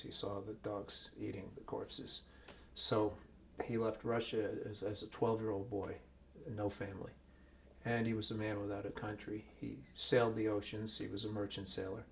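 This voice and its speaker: A man telling his father's story in an oral history interview, at an unhurried storytelling pace. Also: lowish voice, gravelly, slight background noise. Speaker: veteran's son, interviewee.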